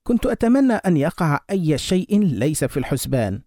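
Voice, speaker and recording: A man's voice: on the high side, big pitch swings, fairly quick, dark tone, no echo, clean studio sound. A man voicing a young man desperately in love, speaking in an earnest, pleading way.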